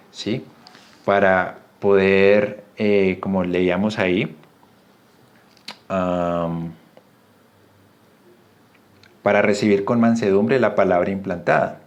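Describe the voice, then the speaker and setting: Deep-voiced Colombian man teaching Bible study. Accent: Colombian Spanish. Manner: earnest, explanatory, asks the listener questions. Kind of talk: recorded Bible study lesson.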